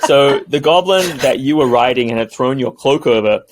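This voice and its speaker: A man narrating a tabletop game as game master, in a lively, animated way. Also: medium pitch, normal speed, slight background noise, rough recording.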